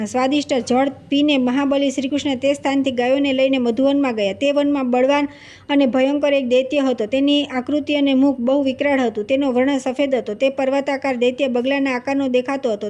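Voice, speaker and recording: Brisk high-voiced woman reading scripture. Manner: brisk steady reading with small restarts. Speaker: scripture reader.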